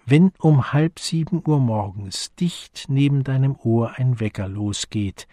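A man voicing a brisk, questioning young gentleman in a story. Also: medium pitch, no echo, studio quality, natural voice.

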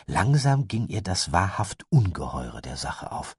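Slow, husky male audiobook narrator. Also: low voice, big pitch swings, no room sound, clean studio sound. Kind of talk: scripted narration.

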